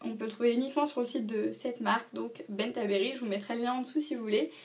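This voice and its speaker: A young woman talks through her favourite products as a beauty vlogger, pausing often with fillers and restarting her sentences. Her voice sits a little high and sounds slightly distant from the microphone. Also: steady tone. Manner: hesitant, many fillers and restarts. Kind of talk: casual product review.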